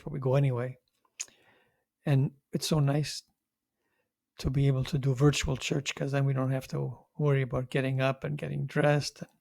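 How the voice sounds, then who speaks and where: Gravelly priest giving a homily. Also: male voice, mid-range voice, darkish tone, dry recording. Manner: conversational, halting with restarts, wry asides. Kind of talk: homily reflection.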